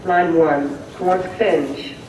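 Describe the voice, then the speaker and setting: A woman giving a recorded transit announcement in a measured, even way, heard over a subway station loudspeaker. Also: sits low. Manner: measured, evenly paced. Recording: distant loudspeaker, noisy subway platform.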